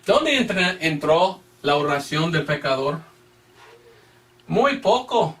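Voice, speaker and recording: High-voiced man preaching from afar. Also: big pitch swings, takes it slowly, a bit bright, far from the mic. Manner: reads scripture references aloud, repeats phrases, emphatic rhetorical questions. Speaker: evangelist missionary preacher. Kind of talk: Bible-teaching sermon.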